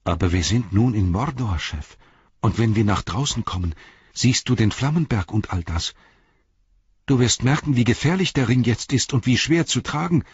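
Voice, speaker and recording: A man's voice: medium pitch, lively intonation, normal speed, slightly rough, no echo. A man reading an audiobook, voicing a loyal, plain-spoken male hobbit servant who talks earnestly and reassuringly, in a dull, dry recording. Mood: worried.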